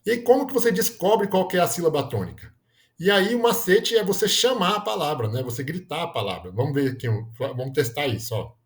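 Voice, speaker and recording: An animated male teacher with a fairly high voice explains grammar a little fast. He checks in repeatedly with "né?" and stops mid-word to correct himself.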